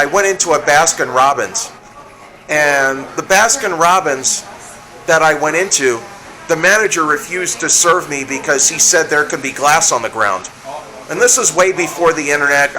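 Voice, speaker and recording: A man's voice: a little high, sharp tone, rough recording. A man hosting a casual meetup in a restaurant, chatting with guests and telling stories with jokes. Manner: chatty, storytelling, joking. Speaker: meetup host.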